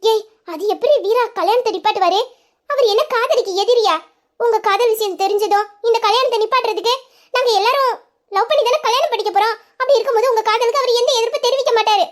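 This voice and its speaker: A woman voicing a caring young woman, very high and quick. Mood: comforting. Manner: soothing, coaxing. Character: caring young woman comforting a crying girl. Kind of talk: audio drama acting.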